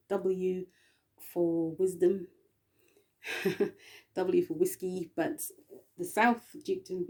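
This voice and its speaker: A slow-talking English woman with a lowish, gravelly and husky voice. She meanders through a spiritual monologue, spelling letters aloud between pauses and small laughs. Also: mellow. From England.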